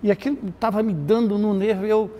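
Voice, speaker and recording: A middle-aged man, a pastor and therapist, telling a lively anecdote full of quoted dialogue in a TV studio interview. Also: high voice, quick pace. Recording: reverberant studio with faint noise.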